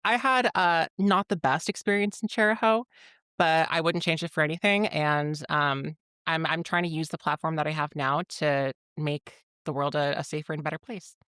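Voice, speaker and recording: Young woman from rhode island on a podcast, candid and laughy, smooth clear voice, dry close mic. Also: sits low, normal speed, dry recording. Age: 20s. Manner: candid, laughs often, animated storytelling. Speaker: guest, founder of a platform. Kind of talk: podcast interview.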